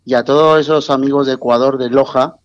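A man's voice: mid-range voice, steady tone, fast, no echo, highs cut off. A middle-aged man from Mexico, a festival organizer, chatting in an interview, joking and effusive with frequent tag questions. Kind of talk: casual interview chat.

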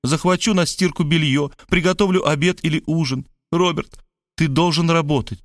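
Man doing a doting dramatic woman, high-pitched, gushing exclamations, dry audiobook sound. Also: steady tone, moderate pace, no echo, lightly acted. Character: pleading, theatrical middle-aged woman, doting and dramatic. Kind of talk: audiobook character voice.

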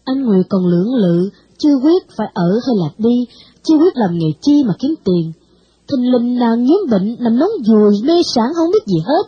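A woman narrating a novel in an expressive storytelling style. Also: on the high side, moderate pace, husky, no room sound, dull audio.

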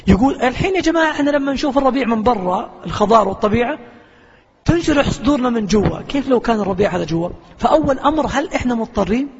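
A man preaches in a high, quick voice, earnest and emphatic. He tells stories and answers questions from the audience. The sound is dull and lo-fi, echoing around a large lecture hall with a faint hiss underneath. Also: expressive. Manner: earnest, emphatic, storytelling with oaths.

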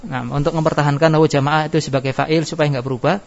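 A man's voice: on the high side, steady tone, fast, vocal fry. A male teacher giving a grammar lesson, explaining step by step and asking his class questions that he then answers himself. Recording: dull lo-fi classroom recording.

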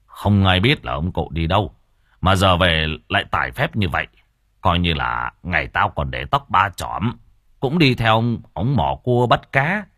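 Guy doing a rambly old villager, low deep voice. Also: big pitch swings, measured pace, fairly bright tone, no room sound, studio quality, heavily acted. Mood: reminiscing. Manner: rambling, folksy. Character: older village man, gruff and storytelling.

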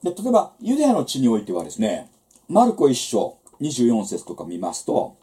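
Male Bible lecturer, seminar style, animated pitch, conversational asides. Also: brisk. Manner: conversational teaching with rhetorical asides.

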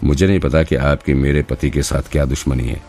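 A man's voice: extremely low pitch, fairly even intonation, fairly quick, dark tone, faint music behind. A man voicing a protective young wife and mother who speaks in a stern, commanding way in an audiobook. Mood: stern, angry.

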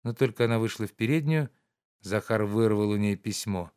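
Reading a classic novel for an audiobook, this man has a smooth, fairly low voice. He tells the story with calm, measured, even pacing.

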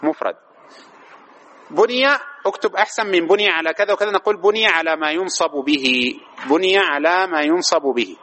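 A man's voice: a little high, a little fast, bright, forceful tone, slight background noise, rough recording. A man teaching a grammar lesson, constantly quizzing his students with repeated questions.

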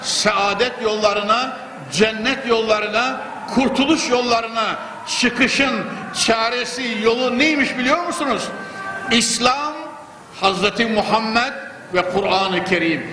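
An older male preacher with a fairly high voice, heard through a pulpit microphone in a large hall. His fervent, rhythmic delivery rings with long reverb, and steady background noise sits under it. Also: slow pace. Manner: fervent, rhythmic, repeating phrases for emphasis. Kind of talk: mosque sermon.

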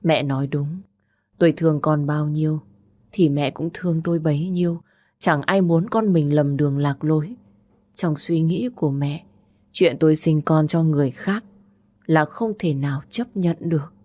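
A woman narrating a first-person story in a calm, sorrowful way. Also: deep voice, normal speed, no echo. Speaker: audiobook narrator.

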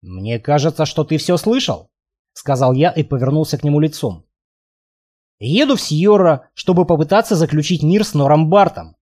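Lively high-voiced male audiobook narrator. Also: moderate pace. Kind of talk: first-person audiobook narration.

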